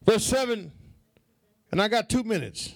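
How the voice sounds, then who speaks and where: Unhurried and expressive, a high-voiced man with some vocal fry delivers an impassioned sermon, repeating himself emphatically and urging his congregation to respond. His phrases build into shouts and half-singing, and the recording has no echo.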